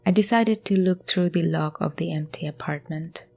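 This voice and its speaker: A woman narrating a scary story in a hushed voice, often dropping to a whisper. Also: lowish voice, normal speed, vocal fry, faint music behind. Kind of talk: scripted horror story narration.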